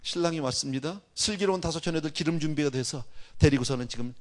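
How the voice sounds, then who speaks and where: A man preaching a sermon as pastor. He talks to his congregation in a conversational way and swings between hushed remarks and loud exclamations. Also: fairly high pitch, quick pace. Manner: speaks directly to the congregation.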